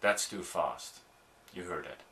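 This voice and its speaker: Pushed and bright, with a deep pitch, the voice comes from a middle-aged Dutch-speaking man. He's an audiovisual producer demonstrating how to perform for the camera in a relaxed tutorial, and his speech keeps halting with ums and false starts.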